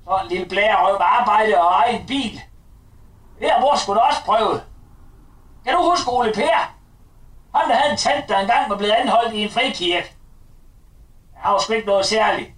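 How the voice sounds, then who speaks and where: A man playing a crude, rambling, high-voiced mum. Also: pauses often, a bit bright. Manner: crude, rambling, talks about herself as "mor". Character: crude gossipy middle-aged mother, bossy and blunt. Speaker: sketch actor. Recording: roomy, distant recording.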